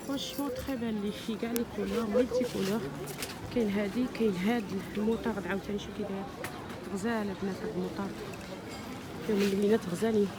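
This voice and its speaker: A woman's voice: mid-range voice, heavy background noise. A woman with a North African Arabic accent in French, chatting casually as she vlogs around an outdoor market. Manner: chatty, switching between French and Maghrebi Arabic. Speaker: vlogger showing market clothing stalls. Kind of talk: casual vlog chat. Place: outdoor seaside street market.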